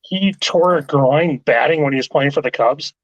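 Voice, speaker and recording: A man's voice: a little high, normal speed, no room sound, low-quality recording. A man telling teasing anecdotes in a casual live-stream chat.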